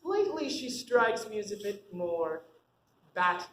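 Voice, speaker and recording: A woman playing a sharp-tongued, arch woman who makes cutting remarks with a swooping, lively delivery. The auditorium echoes around her with faint hiss. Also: mid-range voice, unhurried.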